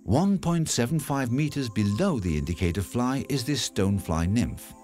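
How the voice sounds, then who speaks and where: A man giving calm, explanatory scripted narration for an outdoor documentary. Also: mid-range voice, normal speed, soft background music.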